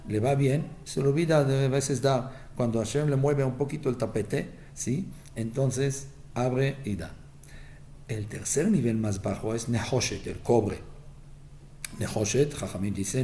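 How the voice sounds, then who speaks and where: A man's voice: medium pitch, mellow, a little hiss or hum. A man, a rabbi, giving a Torah lesson as a teacher who tells stories and keeps asking his listeners whether they follow. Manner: storytelling teacher, asks listeners "¿sí?"; acts out the family members' replies in a raised voice.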